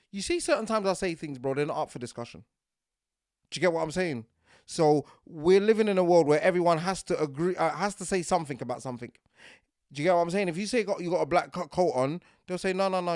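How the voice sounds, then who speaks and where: A man hosting a podcast, talking in an animated, insistent monologue and often checking that the listener follows him. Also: fairly high pitch, no room sound, clean studio sound. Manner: animated and insistent, keeps asking "do you get what I'm saying". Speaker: podcast host.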